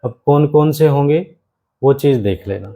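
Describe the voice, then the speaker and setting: In this exam-prep grammar lesson, a man keeps calling his class "my friend" and says important phrases slowly and more than once so they can be noted. He speaks a little high with some vocal fry and a warm tone, captured on poor audio.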